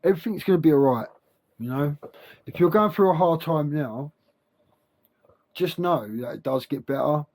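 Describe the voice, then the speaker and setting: Male self-help vlogger, slightly high voice, toothless gummy articulation, halting and repetitive informal monologue. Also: lively intonation, darkish tone, low-quality recording. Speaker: self-help video creator. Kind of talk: rambling spiritual monologue to camera.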